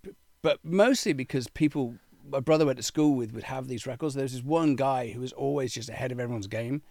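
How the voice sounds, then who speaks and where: A man, a guest in a casual interview, telling animated stories with plenty of swearing. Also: medium pitch, brisk, gravelly, no room sound, studio quality. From born in Zambia, raised in Cornwall, England. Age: 50s. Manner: swearing, animated storytelling with acted quotes.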